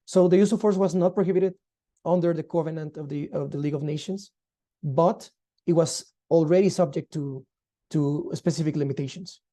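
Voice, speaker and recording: Very dark-voiced man lecturing. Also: fairly high pitch. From Guatemala. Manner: measured, formal, explanatory. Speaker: law lecturer. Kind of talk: online lecture.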